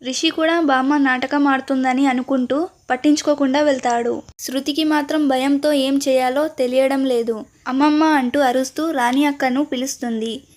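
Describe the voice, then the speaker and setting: A woman's voice: high-pitched, steady tone, normal speed. A woman with a Telugu accent narrating a family story and reading each character's lines in her own voice.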